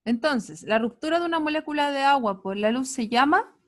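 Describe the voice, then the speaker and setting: A woman's voice: high voice, lively intonation. A woman with a Chilean Spanish accent teaching an online science class, checking in with students often and praising their answers. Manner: checks in often with quick tags, upbeat praise.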